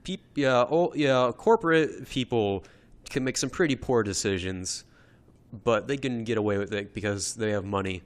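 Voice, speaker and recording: A man's voice: mid-range voice, moderate pace. A young man co-hosting a casual podcast, rambling with many fillers and frequent laughs. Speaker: podcast co-host. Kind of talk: casual chat.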